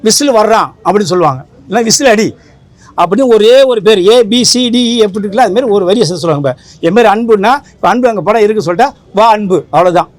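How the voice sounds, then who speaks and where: A man who leads a film association, talking fast and with emphasis at a press interview, rambling and repeating himself. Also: sits high, lively intonation.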